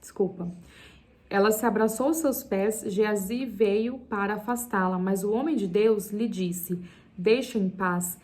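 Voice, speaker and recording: A young woman with a medium-pitched voice leads an informal Bible study for her viewers. She reads the passage aloud, then breaks off to comment with chatty, emphatic asides and laughs at herself. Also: unhurried, a little mellow. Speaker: Bible teacher on video. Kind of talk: casual Bible study talk to camera.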